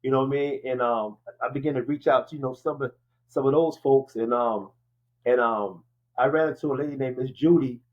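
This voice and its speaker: A man sharing his experience as a guest in casual talk, halting and often checking that he is understood. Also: medium pitch, lo-fi sound. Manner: halting, peppered with 'you know what I mean' check-ins. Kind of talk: casual conversational testimony.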